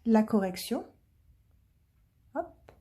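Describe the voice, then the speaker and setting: Slow, patient woman teaching handwriting. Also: a little high, sing-song, warm tone. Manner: slow, patient, clearly articulated dictation. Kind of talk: handwriting lesson, step-by-step instruction.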